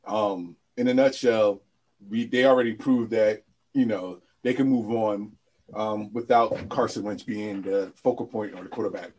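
A man's voice: fairly low pitch, steady tone, normal speed, darkish tone, low-quality recording. A man co-hosting a casual sports podcast, talking in a laid-back, rambling way full of "like" and "you know". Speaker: podcast co-host.

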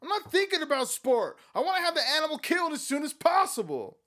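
A man voicing a hot-tempered country gentleman who is bent on revenge and speaks in a loud, indignant, blustering way. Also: extremely high pitch, sing-song, quick pace, pitched above the performer's own voice, full character voice. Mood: furious.

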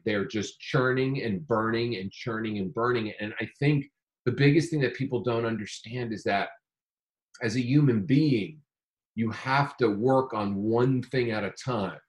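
A man talking casually about his day trading, animated and rambling, with frequent restarts. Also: medium pitch. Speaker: day trader. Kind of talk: casual conversation.

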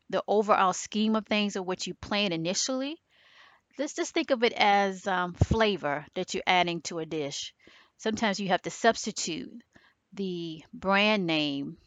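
A woman's voice: medium pitch, no echo, highs cut off. A woman hosting a motivational podcast, talking emphatically and acting out little voices of doubt and fear. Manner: animated and emphatic, acts out inner voices. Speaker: podcast host.

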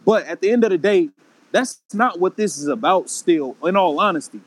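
A man's voice: sits high, lively intonation, normal speed. A man in a casual group discussion who repeats his phrases to make his point.

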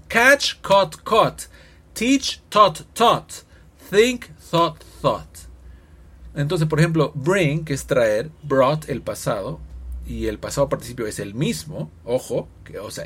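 Male teacher, verb drills, animated sing-song delivery, slightly husky voice. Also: fairly high pitch. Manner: drills verb forms in a lively sing-song, mixing Spanish explanations with English. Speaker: English teacher. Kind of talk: recorded language lesson.

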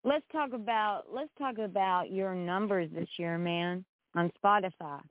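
A woman co-hosts a music show in a casual group voice chat. She speaks in slangy, effusive, encouraging phrases at a middling pitch. The sound is close and dry, squeezed into a thin phone-like band. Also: measured pace, no echo. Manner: effusive and encouraging, slangy, says "man" and "dude" often.

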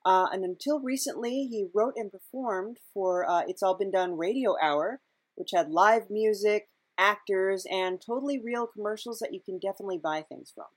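A woman with a mid-range voice hosts a casual podcast interview, feeling her way through the questions. Her phrasing is halting and hesitant, full of repeated false starts, and the recording is dry.

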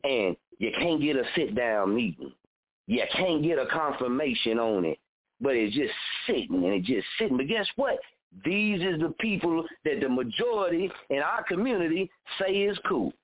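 A radio host in his thirties, his fairly high voice sing-song and moderately paced, gives a motivational talk that is blunt, fired-up, repetitive, and full of curses. The recording has a narrow, phone-like quality.

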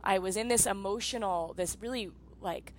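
A woman's voice: mid-range voice, moderate pace, a little hiss or hum, low-quality recording. A woman in her thirties hosting an interview, a former soccer player who talks empathetically and fills her sentences with "um" and "you know". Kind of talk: casual interview conversation.

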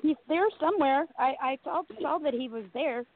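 A woman's voice: high-pitched, moderate pace, dry recording. A woman co-hosting a radio show in casual chat, with a wry, self-mocking manner. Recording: tinny phone line.

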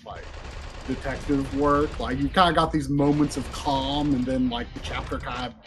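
A man's voice: mid-range voice, steady tone, moderate pace, soft background music. A man hosting a casual gaming podcast, rambling and hedging, often laughing as he talks. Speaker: podcast host.

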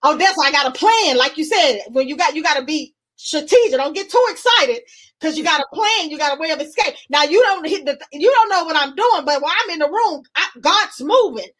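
High-voiced woman telling a testimony. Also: fairly quick. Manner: animated storytelling, acting out both sides of conversations. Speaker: guest sharing testimony. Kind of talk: emotional personal testimony.

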